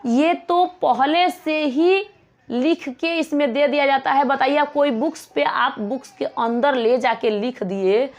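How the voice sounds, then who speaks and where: A woman coaching teacher giving a classroom lecture, asking rhetorical questions and repeating points slowly. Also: high-pitched.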